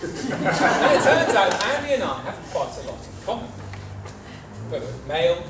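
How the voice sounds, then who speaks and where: A young British man delivers a humorous tall-tale speech to a live audience, telling it theatrically with dramatic pauses and emphasis. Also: sits high, big pitch swings, over a noisy crowd. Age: 20s or 30s. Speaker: club speech contestant. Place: echoey meeting room with an audience. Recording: roomy, noisy, distant microphone.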